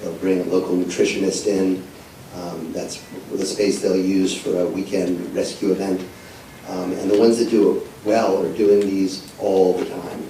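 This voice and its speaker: A man's voice: sits low, creaky, dark tone, slight background noise. A man making a plain, matter-of-fact comment during a discussion. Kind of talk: panel audience comment. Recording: echoey hall, distant mic.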